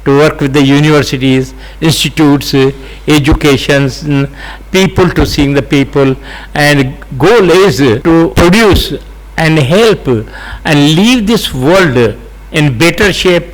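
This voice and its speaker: In poor audio, a man in his eighties with a slightly high voice talks through his life story as an interview guest. A native Sindhi speaker with an Indian accent, he hesitates often, using many fillers and gentle chuckles.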